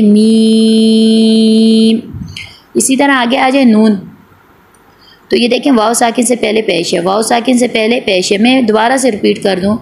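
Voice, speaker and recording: Woman teacher, gravelly voice, repeats every point, stretches the vowels out, faint hiss behind. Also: fairly high pitch. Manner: patient, repeats each point and asks then answers her own questions; draws out the long vowel sounds when demonstrating. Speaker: Quran recitation teacher. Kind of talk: explanatory online class.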